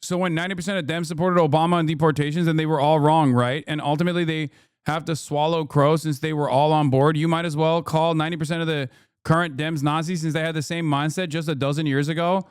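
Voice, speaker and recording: A man's voice: fairly high pitch, steady tone, fast talker, clean tone, no echo, clean studio sound. Blunt, profane man ranting on stream. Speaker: streamer reacting to clips. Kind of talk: heated live-stream commentary.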